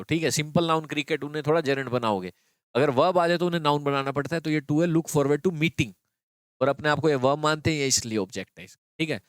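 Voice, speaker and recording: A man's voice: on the high side, no room sound. A man teaching an exam-prep English grammar lesson, explaining step by step and repeating key phrases to his students.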